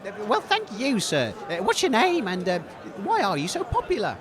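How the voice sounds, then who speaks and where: In a comedy of roving-reporter interviews, a man acts as a polite, hesitant radio host who is eager, hapless and easily flustered. He speaks at a moderate pace in a high voice with wildly swooping pitch, while crowd noise fills the outdoor setting.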